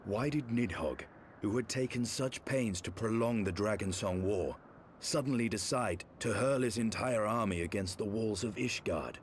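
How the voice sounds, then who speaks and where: An actor playing a brooding, war-weary dragoon knight in a video game, speaking in grave, archaic phrases. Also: male voice, on the low side, slight background noise, lightly acted. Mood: pondering. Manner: grave, archaic, measured speech. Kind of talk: dramatic video game acting.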